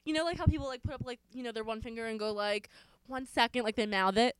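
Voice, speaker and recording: A young woman co-hosts a podcast, telling stories in a chatty, filler-heavy way. Her voice sits a little high and comes across smooth and clear. The sound is dry and close to the mic. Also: rapid-fire, no room sound, rough recording. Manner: chatty storyteller, many "like" fillers. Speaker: podcast co-host. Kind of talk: casual chat.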